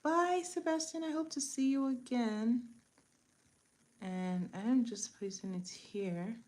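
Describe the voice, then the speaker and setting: Slow and a little mellow, with a voice pitched a little high, this woman from eastern Nigeria hosts a livestreamed makeup tutorial. She chats casually and gives viewers step-by-step instructions as she works, over clear background noise and room ambience.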